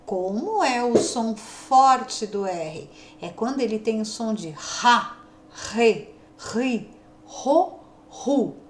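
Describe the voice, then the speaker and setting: Slow, lively caipira-accented teacher woman. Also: fairly high pitch, roomy sound, a little hiss or hum. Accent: São Paulo countryside (caipira). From São Paulo state, Brazil. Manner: slow, drawn-out sounding of syllables. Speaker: primary school teacher. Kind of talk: video lesson for young children.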